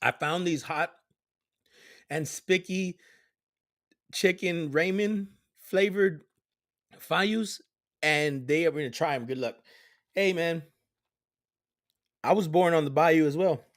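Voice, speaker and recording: A man's voice: a little high, slow pace, long pauses. A man streamer from San Antonio, Texas, rambling through absurd jokes in casual live stream chat with a straight delivery.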